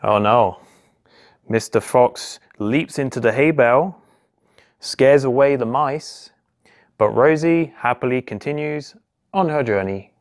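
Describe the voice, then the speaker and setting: In a small indoor office or home room, a police constable in his thirties slowly reads a picture-book story to small children. His medium-pitched voice narrates in simple phrases, full of expressive exclamations and questions for the young listeners.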